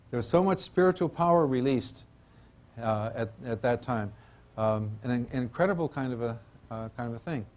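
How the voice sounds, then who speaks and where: An older man speaks as a lecturer teaching a class about faith. His delivery is informal and rambling, like a professor thinking aloud, with asides and phrases he repeats as he searches for the next one. His voice sits at a medium pitch. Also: animated, normal speed, a little mellow. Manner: rambling, professorial, with trailing asides and hesitant repetitions.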